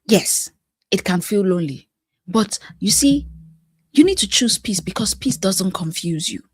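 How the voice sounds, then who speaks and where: A woman's voice: medium pitch, expressive, a little slow, slightly rough, dry recording, clean studio sound. A woman life coach giving an emphatic motivational talk, repeating phrases with a preacher-like cadence and sometimes dropping to a whisper.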